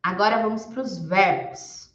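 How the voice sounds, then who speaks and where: Woman teaching slowly in an echoey room. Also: mid-range voice, a bit bright. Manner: explains patiently, slows down for example words. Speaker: English teacher. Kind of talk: recorded online class. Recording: echoey room, dull lo-fi sound.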